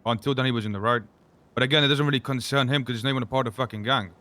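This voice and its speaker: A man's voice: mid-range voice, fairly even intonation, racing, sharp tone. A man mediating in an in-character group discussion, hedging before he makes his point. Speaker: roleplay gang member.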